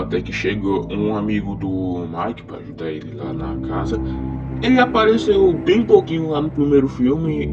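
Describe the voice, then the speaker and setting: A man with his voice run through a voice changer, telling a film's plot in a loose, chatty way with lots of fillers. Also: lowish voice. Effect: voice changer disguising his real voice. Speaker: movie recap narrator. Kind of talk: casual film plot summary. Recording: muffled, dull voice-changer audio. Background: background music.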